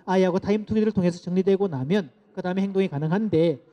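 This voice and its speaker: A middle-aged man giving a lecture to parents, lively and asking the audience to repeat phrases after him. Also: high voice, rapid-fire. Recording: dull lo-fi lecture recording.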